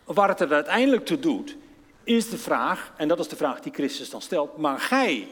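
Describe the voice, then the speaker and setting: A man's voice: a little high, big pitch swings, moderate pace, breathy edge. A man preaching a conversational sermon. He asks his listeners questions and acts out the quotes in his story. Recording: long reverb of a large hall.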